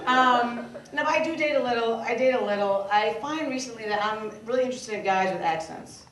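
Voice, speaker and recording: A woman's voice: on the high side, a little fast. Young woman doing stand-up, roomy club sound. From Michigan, USA. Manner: playful, animated, does voices of others. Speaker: stand-up comedian. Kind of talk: stand-up comedy set. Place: comedy club stage before a laughing audience. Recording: roomy, distant club recording with noise.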